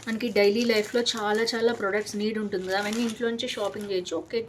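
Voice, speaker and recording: Fast-talking chatty Telugu woman vlogger. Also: medium pitch, fairly even intonation, a little hiss or hum. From Hyderabad, India. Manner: chatty, enthusiastic, mixes English words into Telugu. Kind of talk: casual product unboxing vlog.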